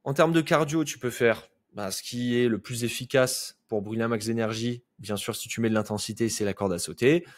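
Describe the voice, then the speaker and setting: Un coach en nutrition qui explique sa méthode au spectateur sur un ton familier, direct et bavard, en ponctuant souvent de « ok ? ». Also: male voice, mid-range voice, a little fast, few pauses. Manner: chatty, direct, addresses viewer informally with frequent "ok?". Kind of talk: casual explanatory video talk.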